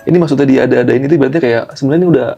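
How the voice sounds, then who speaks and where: A man's voice: medium pitch, rapid-fire, creaky, mellow, lo-fi sound. A man hosting a casual interview chat, answering with short agreeing words and asking follow-up questions. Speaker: podcast host.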